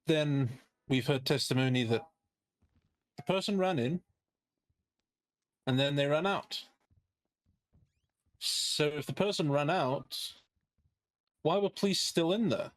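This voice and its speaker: A man's voice: fairly high pitch, slow, pauses often, dry recording. A man playing a skeptical, indignant defense lawyer in a role-play game, giving a courtroom closing argument with pointed, sardonic rhetorical questions. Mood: sardonic, incredulous.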